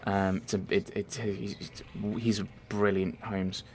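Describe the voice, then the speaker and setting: Speaking slowly and levelly in a low voice, a young man from Merseyside, England, answers viewer questions in a casual, wandering voice-over with many ums and self-corrections. Faint game music and slight background noise can be heard.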